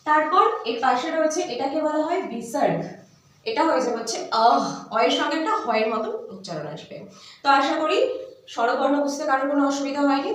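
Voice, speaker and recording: A woman teaching a basic language class, speaking slowly and patiently and spelling out each sound for her students. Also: high-pitched, fairly bright tone. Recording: echoey room, voice from far off.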